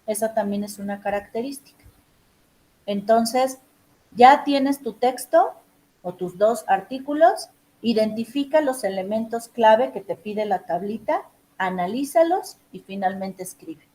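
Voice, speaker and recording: A woman's voice: on the high side, expressive, unhurried, dark tone, poor audio. A woman teacher giving emphatic, direct instructions to her students in an online class session.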